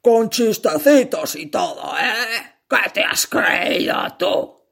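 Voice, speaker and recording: A woman playing a bitter, bossy male farm master who talks in a harsh, scolding way, with a husky voice. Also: mid-range voice, expressive, slow pace, a bit bright, exaggerated voice.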